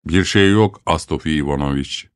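A man's voice: extremely low pitch, moderate pace, clear, resonant tone, dry recording, studio quality, pitched below the performer's own voice. A man reading a story, voicing a humble, timid older male drunkard in a subdued tone.

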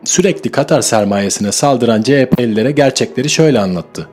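A man reading a newspaper opinion column aloud in a formal, even delivery. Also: mid-range voice, a little fast, faint music behind. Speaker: column reader. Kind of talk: scripted narration.

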